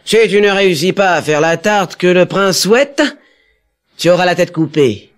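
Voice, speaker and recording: A man's voice: high voice, moderate pace, soft background music, pitched above the performer's own voice, close to an everyday voice. A man voicing a stern, irritable duke in a children's story, speaking in a scolding tone.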